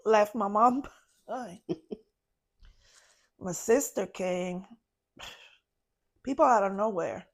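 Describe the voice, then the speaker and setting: A woman, a podcast guest, recounting a personal story in a halting way, searching for words. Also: mid-range voice, creaky. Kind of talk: personal story told in an interview.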